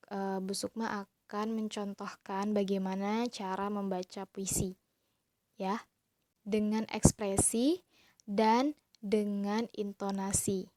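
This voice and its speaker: A woman teacher explaining slowly and patiently to young pupils in a recorded class lesson. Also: mid-range voice, a little mellow, dry recording. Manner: slow, patient explaining to children.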